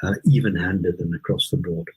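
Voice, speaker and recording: Husky, halting man. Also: low voice, fairly even intonation. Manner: halting, deliberate, often repeating words. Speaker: interview guest explaining history and culture. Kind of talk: unscripted explanatory interview.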